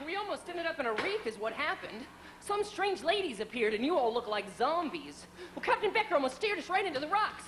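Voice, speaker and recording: An actress playing an urgent, spirited young heroine in a theatrical musical stage show. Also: female voice, sits high, sing-song, brisk. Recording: echoey theater with loud music.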